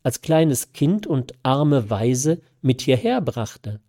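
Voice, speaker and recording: A man's voice: mid-range voice, sing-song, takes it slowly, warm tone. A man with a scratchy throat voicing a cheerful, tender young woman in a read-aloud story, in a lifted, lilting voice.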